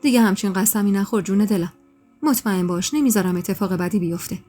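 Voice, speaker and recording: Loving young husband, soft and soothing, read by a woman narrator, warm mellow tone, faint music under it. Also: mid-range voice, natural voice. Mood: reassuring. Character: tender reassuring young husband, man.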